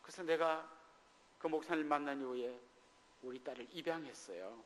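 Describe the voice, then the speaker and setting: Middle-aged male pastor, high-pitched, storytelling sermon, reverberant church hall. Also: normal speed, fairly bright tone. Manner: storytelling testimony, acting out quoted dialogue. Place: church sanctuary.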